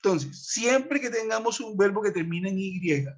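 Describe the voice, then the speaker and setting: It's an online class explanation: a man with a high, animated voice at a moderate pace teaches English grammar over a web conference. He goes through the rules patiently, one step at a time, and keeps checking in with students. The computer mic gives dull lo-fi audio.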